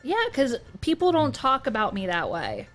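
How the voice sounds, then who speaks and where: A woman co-hosting a casual podcast, laughing often and tossing in quick asides. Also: a little high, huge pitch swings, faint music behind. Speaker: podcast co-host. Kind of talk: casual chat.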